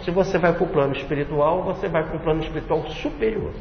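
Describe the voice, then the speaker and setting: A man giving a religious study lecture, explaining and listing points one by one. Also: fairly high pitch. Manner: explanatory, repeats and enumerates points slowly. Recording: echoey hall, dull lo-fi, faint hiss.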